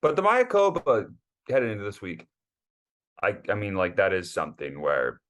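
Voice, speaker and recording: A man's voice: fairly low pitch, huge pitch swings, normal speed, a bit bright. A man co-hosting a casual sports podcast, rambling with stammered restarts and lots of fillers. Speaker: podcast co-host.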